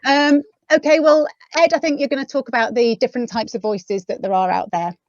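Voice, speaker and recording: A woman's voice: high-pitched, steady tone, a little fast, darkish tone, no echo. A woman talks shop about voiceover work in an easy, chatty webinar manner. Her audio is dry and close, with the slightly dull, lo-fi sound of an online call. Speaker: voiceover artist and webinar co-host. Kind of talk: casual webinar talk. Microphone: audio-only call microphone.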